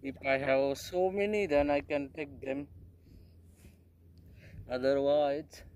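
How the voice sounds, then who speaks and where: A man's voice: fairly high pitch, takes it slowly, a little mellow, clean tone, highs cut off. A middle-aged man chatting casually to viewers as he fishes from a small boat, filming on a phone held at arm's length, with boat and water sounds behind. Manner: chatty, addresses viewers as guys, simple phrasing. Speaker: fishing vlogger. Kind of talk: casual narration while fishing. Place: outdoors on a small boat at sea.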